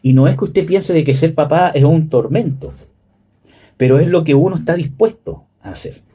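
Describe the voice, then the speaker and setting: A man in his thirties preaching a sermon in a conversational way, often checking with listeners and pausing on fillers. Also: fairly high pitch, dark tone, husky. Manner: conversational, frequent "¿cierto?" and "¿me entiende?" checks; hesitant fillers, "¿cómo se llama?". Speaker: pastor.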